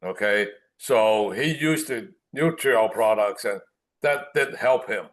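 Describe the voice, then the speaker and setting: A man on a video call who adds calmly to his wife's story. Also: on the low side, slow pace. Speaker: guest speaker on business forum. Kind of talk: casual chat in a video call.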